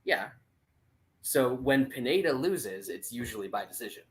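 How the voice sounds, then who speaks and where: A man in his late thirties co-hosting a casual podcast, relaxed and hesitant, with many fillers. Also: mid-range voice, moderate pace, rough recording. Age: 30s. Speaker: podcast co-host.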